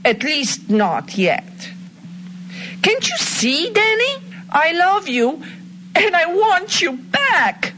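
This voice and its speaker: A woman's voice: a little high, sing-song, takes it slowly, a bit bright, a little hiss or hum, exaggerated voice. A woman playing a lovesick, menacing female hornet in a scripted drama, taunting like a foiled villain. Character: female murder hornet, reincarnated obsessive jilted lover, menacing.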